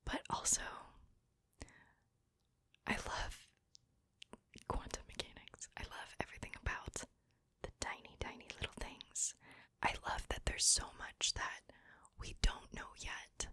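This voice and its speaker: A woman's voice: unhurried, pauses often, sharp tone, no echo. A woman whispering breathily, very close to the ear, in a casual ASMR chat. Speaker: ASMR video maker. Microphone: very close to the mic, ear to ear.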